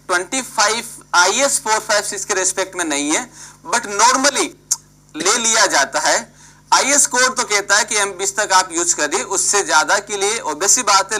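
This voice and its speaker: A man's voice: high-pitched, sharp tone, poor audio. A man teaching an engineering class online, prodding and scolding students by name and mixing English terms into his talk.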